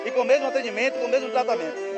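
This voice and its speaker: Bahian official guy talking quick and high, forró band playing behind. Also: fairly even intonation, loud music behind the voice. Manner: official, upbeat talking points. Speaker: municipal secretary. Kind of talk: interview on live TV. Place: outdoor community restaurant with band. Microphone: reporter's handheld mic, masked.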